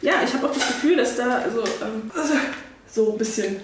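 A woman's voice: a little high, normal speed. Young woman host, giggly and chatty, distant mic in an echoey room with some noise. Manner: giggly, chatty, lots of fillers. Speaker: channel host. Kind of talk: casual snack-tasting chat. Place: indoor studio set at a table.

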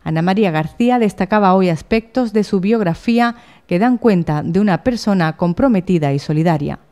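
A woman's voice: medium pitch, a little fast, a little mellow. A woman reading scripted news narration as a reporter.

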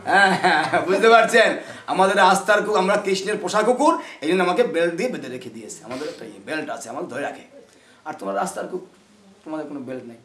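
A man with a Bengali accent delivers a lively, emphatic sermon, again and again asking his listeners whether they follow. His voice sits somewhat high for a man. The hall around him is echoey. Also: fast talker, recorded from a distance, crowd noise. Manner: lively, laughs through parts of his talk. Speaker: guru giving a religious talk. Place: temple hall.

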